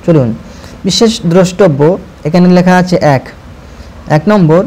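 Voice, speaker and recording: Speaking in a high-pitched voice with a darkish tone, a male Quran reading teacher works through a slow step-by-step recitation lesson. He addresses viewers directly and asks them to listen carefully while he patiently repeats every letter slowly, drawing out the vowels.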